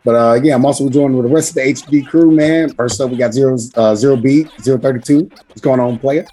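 A man with a hoarse, nearly lost voice hosting a casual podcast, talking in a slangy, self-deprecating, rambling way. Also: mid-range voice, fast, warm tone. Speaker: podcast host.

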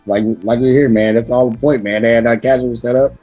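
Hoarse, worn-out male podcast host. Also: medium pitch, fairly even intonation, fairly quick, mellow, soft background music. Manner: slangy, self-deprecating, rambling. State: hoarse, voice nearly lost. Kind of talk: casual podcast chat.

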